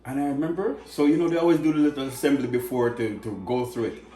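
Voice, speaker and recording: A man's voice: medium pitch, quick pace. A man from Canada telling an emotional personal story in casual conversation, acting out the voices of people in it. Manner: emotional, animated, acts out quoted voices. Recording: echoey room.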